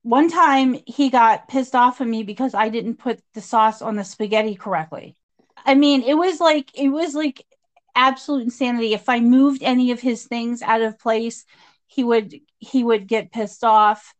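Middle-aged woman, high-ish voice, animated storytelling guest. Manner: animated storyteller, acts out quotes. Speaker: guest describing past abuse. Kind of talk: conversational interview.

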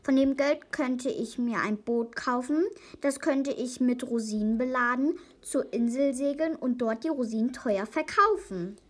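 A woman reading a shepherd's thoughts about getting rich from a fable, in an even, plain reading voice. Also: sits high, unhurried, few pauses. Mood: musing. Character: scheming male shepherd dreaming of riches. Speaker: reader.

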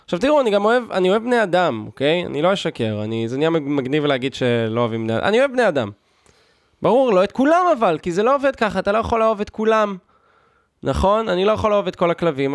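A man's voice: high voice, no echo, clean studio sound. A man hosting a podcast, delivering a sarcastic, mock-outraged comedic rant in a loose, talky way with fillers and restarts. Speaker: podcast host.

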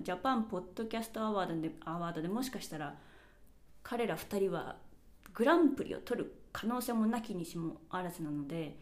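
A woman hosting her own podcast, chatting casually and reflectively as she walks through examples one by one. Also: fairly low pitch. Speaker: podcast host. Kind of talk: casual solo podcast talk. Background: birds chirping.

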